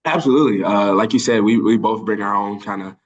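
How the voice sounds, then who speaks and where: Over a video call, a Birmingham, Alabama linebacker in his early twenties fields press questions at a quick pace, his fairly low voice captured in dull audio. Earnest in tone, he leans on fillers and often restarts.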